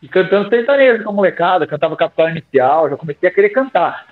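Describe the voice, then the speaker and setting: A young man, a singing teacher, telling animated, slangy stories in a podcast interview and acting out his own old lines. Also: high-pitched, fast talker. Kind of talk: casual storytelling in a podcast interview. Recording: tinny phone-like sound with faint music.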